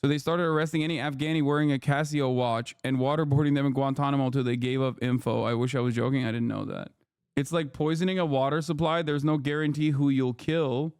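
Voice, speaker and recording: A man's voice: medium pitch, steady tone, brisk, darkish tone, clean tone, dry recording, studio quality. A man who grew up in Turkey, reacting to news clips on his live stream in a heated, sarcastic and profane way.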